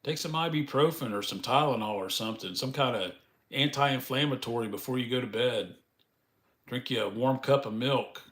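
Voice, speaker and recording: A man's voice: medium pitch, normal speed, fairly bright tone, echoey room. A man hosting a casual live stream, chatting in a folksy way with the viewers and laughing often.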